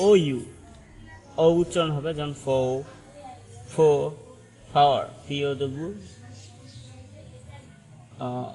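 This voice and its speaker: A man's voice: a little high, a little mellow, poor audio. A man teaching an English pronunciation lesson, explaining step by step and often checking in with "right?". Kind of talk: spoken language lesson.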